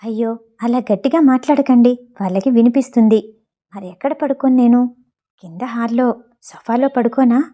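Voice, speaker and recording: A woman voicing a hushed, coaxing young bride. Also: fairly high pitch, moderate pace, lightly acted. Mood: urgent. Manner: hushed, persuasive.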